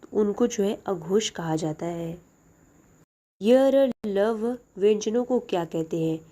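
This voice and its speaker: A woman's voice: mid-range voice, takes it slowly, dark tone. A young woman teaching a lesson, reading out each exam question and then answering it plainly.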